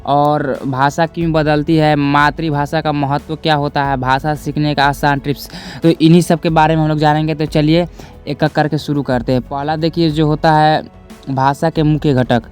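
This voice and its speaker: A man's voice: a little high, little pitch movement, normal speed, faint music behind. A young man teaching a lesson, repeating each point twice and speaking straight to his students. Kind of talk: classroom lesson explaining step by step.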